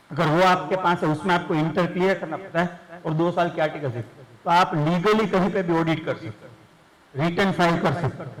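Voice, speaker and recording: A man's voice: high voice, poor audio. A man talking to a group of students, patiently explaining the rules of a game and coaxing them along. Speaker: speaker leading students in a game. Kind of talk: lively talk to a student audience.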